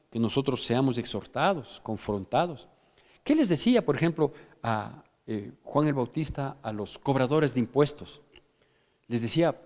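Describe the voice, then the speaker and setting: A man's voice: a little high, a little mellow, long reverb tail. A male pastor with an Ecuadorian Spanish accent preaching a firm, exhorting sermon, often restarting and asking "¿sí?". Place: church hall.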